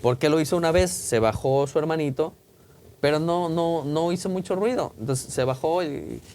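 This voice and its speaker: A man's voice: on the high side, normal speed, darkish tone, slight background noise. A man telling a ghost story in casual chat, acting out voices and sounds. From Mexico. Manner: colloquial, vivid, acts out quotes and sounds. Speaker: podcast host.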